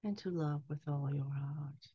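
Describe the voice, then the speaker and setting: A woman in her sixties speaking as a trance medium, solemnly delivering a spiritual message in measured phrases with long pauses. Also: sits low, mellow, slightly rough, no echo. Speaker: trance channeler. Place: small candlelit room indoors. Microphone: headset boom mic. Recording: dull, lo-fi headset sound.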